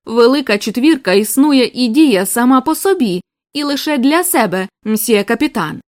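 A woman's voice: fairly high pitch, lively intonation, moderate pace, a little mellow, close to an everyday voice. A woman reading the lines of a precise, grave male foreign detective in an audiobook, in a formal, lecturing way.

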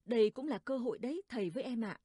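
A woman's voice: on the high side, animated, very fast, warm tone, husky, no room sound, studio quality. Woman reading as an earnest young village daughter. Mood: resolute. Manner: earnest, pleading, resolute.

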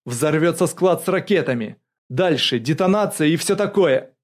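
A man voicing a desperate male special forces officer who shouts urgent orders. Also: mid-range voice, fairly even intonation, normal speed, lightly acted. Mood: urgent, shouting.

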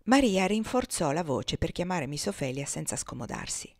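A woman narrates a classic novel for an audiobook. Her reading is measured and expressive, and she carries the story steadily between the spoken parts. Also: low voice. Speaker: audiobook reader.

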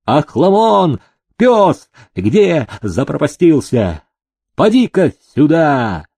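A male reader voicing an excitable, gleeful rich old factory owner who shouts and eggs on a fight, in a storybook reading. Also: mid-range voice, no room sound. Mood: imperious. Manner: shouting, egging on, drawn-out delivery.

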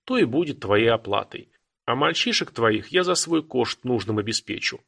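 A man reading an audiobook, playing a firm, decisive young Cossack leader who gives orders in a gravelly, husky voice. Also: medium pitch, animated, moderate pace, fairly bright tone. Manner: firm, commanding.

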